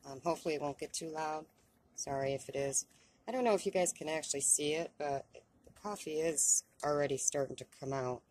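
Woman with a low voice filming a chatty how-to in her van, camera on a tripod, lots of ums. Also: brisk, a little mellow. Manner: chatty, self-deprecating, with frequent ums. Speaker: van-life vlogger. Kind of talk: casual how-to vlog. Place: inside a parked van.

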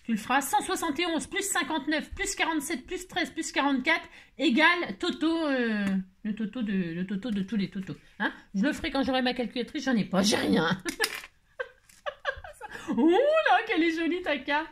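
A woman's voice: high voice, sing-song, normal speed. A woman, hosting a scrapbooking vlog, talking in a playful, rambling way, full of fillers and teasing asides. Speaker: scrapbooking channel host. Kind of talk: chatty mail-opening vlog.

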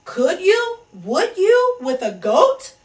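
Voicing the same pushy, cheery storybook nuisance, she speaks in a very high, slightly mellow, sing-song voice that's deliberately raised and heavily acted. Her slow delivery coaxes and questions as she tries to get someone to eat, captured by a distant mic in a reverberant room.

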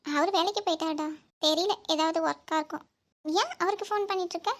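A woman's voice: very high voice, quick pace, a bit bright. A woman voicing dramatic, emotional cartoon dialogue. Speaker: cartoon voice actor.

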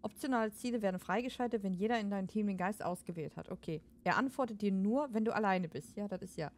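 A woman giving casual let's play commentary, excitable and laughing often, shouting commands at the game. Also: medium pitch, fast talker.

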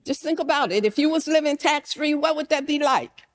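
A woman's voice: high voice, a little fast. A woman pastor preaching a sermon, retelling scripture as a story and acting out the speakers' lines.

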